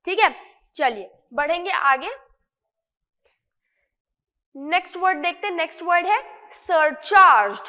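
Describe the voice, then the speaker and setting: High bright-voiced woman teaching vocabulary. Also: long reverb tail. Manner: mixes Hindi and English, asks and answers own questions. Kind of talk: explanatory lesson.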